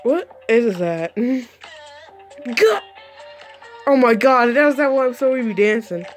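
A woman's voice: a little high, big pitch swings, takes it slowly, soft background music. A young woman hosting a casual reaction video, exclamatory and often breaking into laughter.

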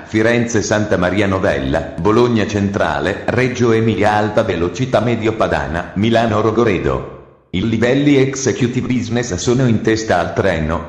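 Man, train station announcement, fairly low voice, measured, echoey hall. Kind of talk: formal scripted announcement.

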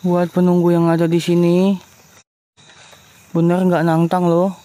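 A man's voice: sits high, completely flat delivery, a little slow, warm tone. A nervous man, exploring a forest for a live horror vlog. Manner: nervous, jumpy, keeps calling for his crewmate. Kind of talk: live ghost-hunting vlog. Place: forest outdoors at night. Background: crickets and insects.

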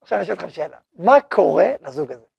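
A man's voice: high voice, animated, creaky, lo-fi sound, background noise. A man teaching a Torah lesson as a rabbi, speaking conversationally and putting questions to his listeners. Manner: conversational, asks the audience questions.

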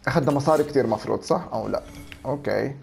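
A man in his thirties with a Levantine Arabic accent, giving animated, exclaiming let's play commentary and talking to himself. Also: mid-range voice, racing, vocal fry. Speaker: video game streamer. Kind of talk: excited let's play commentary, switching between Arabic and English.

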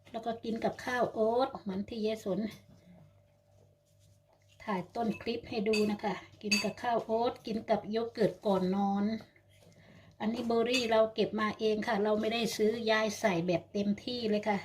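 A woman's voice: fairly high pitch, steady tone, normal speed, a little mellow, a little hiss or hum. An older woman, narrating a home cooking vlog and chatting to viewers like friends. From Thailand. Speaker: vlogger. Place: home kitchen.

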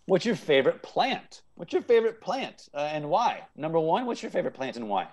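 The recording is muffled, carrying a fairly high, sing-song, darkish male voice at a slightly fast pace. The speaker, an improv teacher in his thirties, hosts a playful game show over video from a room at home, upbeat and echoing answers.

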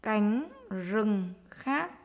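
Woman teacher dictating very slowly. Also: medium pitch, animated, muffled recording. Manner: dictating short phrases slowly, word by word, repeating each. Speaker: primary school teacher. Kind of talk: dictation lesson for young pupils.

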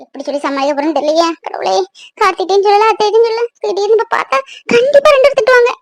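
A woman's voice: very high-pitched, rapid-fire, no room sound. A woman voicing a restless young pregnant woman in a cartoon, grumbling to herself. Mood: fretful.

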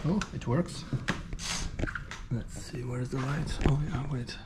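Holding an action camera at arm's length, a man in his 30s gives casual, in-the-moment narration for his travel vlog, taking it slowly in a mid-range voice. He is chatty and thinks aloud as he goes from a city street through a hotel lobby, lift and corridor to his room. The handheld audio is noisy, with street and room sounds throughout.

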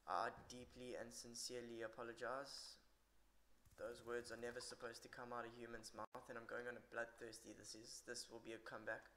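A man's voice: medium pitch, completely flat delivery, brisk, sharp tone, a little hiss or hum. A tired man giving rambling, irritable live commentary on his own match and swearing a lot. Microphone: poor computer mic.

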